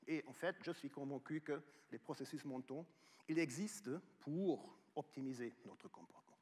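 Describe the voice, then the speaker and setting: A middle-aged psychology professor who is not a native speaker, giving an animated public lecture and asking the audience rhetorical questions. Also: male voice, mid-range voice, normal speed. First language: not French. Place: lecture hall. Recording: reverberant lecture hall.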